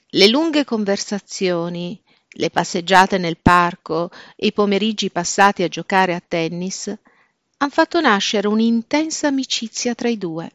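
A woman presenting a novel in a measured, scripted narration. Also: mid-range voice, dry recording. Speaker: book presenter. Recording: dull, dry lo-fi recording.

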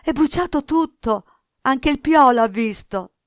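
A woman voicing a terrified young boy who pants and blurts out frantic news in high, loud bursts. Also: animated, unhurried, no echo, studio quality. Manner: high, loud, breathless outbursts. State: panting.

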